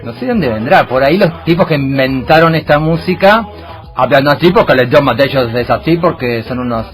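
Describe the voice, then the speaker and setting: A man's voice: medium pitch, animated, brisk, soft background music. A man, hosting a radio show and rambling through a comic monologue full of fillers and asides.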